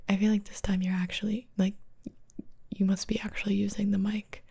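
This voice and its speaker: Brief: female ASMR reactor, soft whisper with a gravelly fry, flat even delivery, casual rambling. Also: medium pitch, a little fast. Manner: soft whisper, chatty, many "like" fillers.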